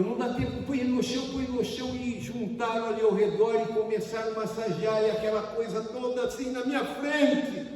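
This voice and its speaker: High-voiced Brazilian pastor preaching in an echoey hall. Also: male voice. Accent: Brazilian Portuguese. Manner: animated, acts out voices and exclamations. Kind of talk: sermon. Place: church hall during a service. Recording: echoey hall, mic far off.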